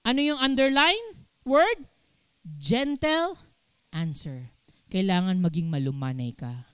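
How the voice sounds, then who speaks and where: A woman's voice: mid-range voice, takes it slowly, clean tone, dry recording, clean studio sound. A woman pastor from the Philippines, preaching a sermon animatedly and often asking the congregation questions. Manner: animated, asks the congregation questions, acts out quotes. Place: church.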